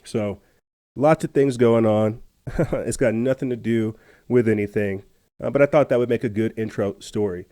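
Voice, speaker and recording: A man's voice: fairly low pitch, normal speed, mellow. A man hosting a podcast, telling a casual story in a rambling, chatty way with lots of fillers and restarts. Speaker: podcast host.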